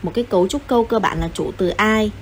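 Lady teacher walking kids thru a lesson, patient, coaxing, spells stuff out slow, faint hiss behind. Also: mid-range voice. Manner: patient, repetitive, coaxing, spells words out slowly. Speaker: English teacher for children. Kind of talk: explaining a lesson.

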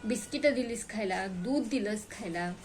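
A woman's voice: mid-range voice, normal speed, soft background music, natural voice, rough recording. A woman doing a bossy tooth demon. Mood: boastful. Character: mischievous male tooth demon living in a boy's mouth.

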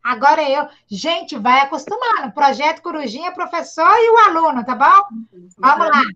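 A Brazilian woman teaching a child to read over a video call, patient and encouraging, sounding out syllables slowly. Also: high voice, animated, bright, forceful tone. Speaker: primary school teacher. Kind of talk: online literacy lesson for a child. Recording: dull lo-fi video call audio.

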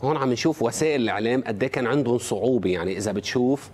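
A man's voice: mid-range voice, very fast, a little mellow. A man with a Lebanese accent, a sports journalist on a morning show, explaining football news with frequent hesitations. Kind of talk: casual TV interview.

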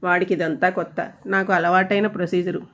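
A woman's voice: fairly low pitch, little pitch movement, brisk. Woman telling a suspenseful story. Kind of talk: scripted story narration.

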